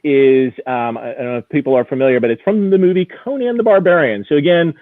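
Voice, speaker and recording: An auction house executive, appearing as an interview guest, explains things in detail with casual enthusiasm for his subject. He talks fast in a mid-range voice, and the sound is tinny and narrow like a phone line, with no echo.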